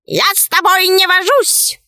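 A woman voicing a squabbling two-headed talking bird in a storybook, shrill and excitable, with its lines set a little back from the mic. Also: a little slow, no echo, studio quality, full character voice.

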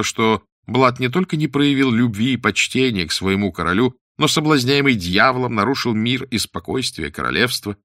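A man narrating a story aloud in a measured, expressive reading. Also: mid-range voice, no room sound, studio quality. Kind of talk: scripted audiobook narration.

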